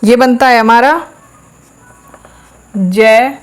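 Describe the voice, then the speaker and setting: A woman teaching a lesson, explaining step by step, asking questions and answering them herself, and saying sounds aloud slowly for practice. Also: fairly high pitch. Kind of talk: classroom lesson.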